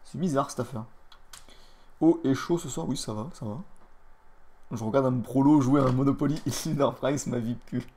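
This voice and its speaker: A man's voice: medium pitch, fairly even intonation, fairly quick, darkish tone. A man streaming a board game online, casually commenting and mocking the other players with crude trash talk, often muttering under his breath.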